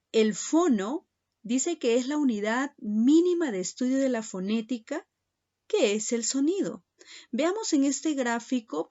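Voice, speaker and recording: A woman's voice: on the high side, a little mellow, dull audio. A woman teaching a secondary school class in a recorded lesson, speaking patiently and addressing her students directly.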